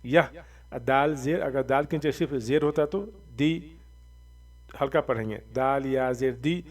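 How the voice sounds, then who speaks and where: Man, patient recitation teacher, drawn-out syllables, slightly distant mic. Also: mid-range voice. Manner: patient, drills syllables slowly, then explains rules quickly. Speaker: Quran reading teacher. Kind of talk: recitation lesson, spelling out letters.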